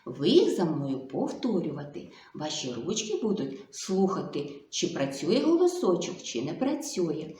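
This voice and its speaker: A woman speech therapist giving a video lesson to young children, slow and coaxing, full of sing-song diminutives. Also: low voice, sing-song, mellow. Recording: echoey room.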